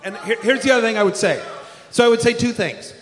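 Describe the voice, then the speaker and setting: A man's voice: very high-pitched, fast. A man hosting a live podcast before an audience, talking in a playful, rambling, self-mocking way. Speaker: podcast host. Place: large live music venue with audience. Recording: live hall with long reverb.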